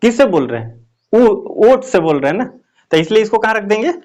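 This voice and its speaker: A man's voice: high-pitched, sing-song, brisk, darkish tone. A male teacher giving a classroom lesson, often asking questions and repeating the answers.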